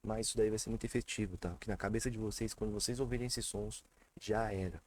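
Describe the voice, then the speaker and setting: A man's voice: lowish voice, steady tone, fast talker, darkish tone. A man from Brazil teaching English pronunciation in a casual online lesson, chatty, often repeating sounds with emphasis.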